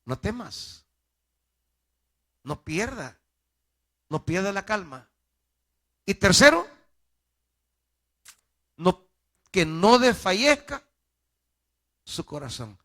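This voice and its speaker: A Salvadoran pastor preaching a sermon in an emphatic style, swinging from loud peaks to soft, low drops. His voice sits high and sounds bright and clear, and he takes his words slowly. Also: big pitch swings. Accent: Salvadoran Spanish.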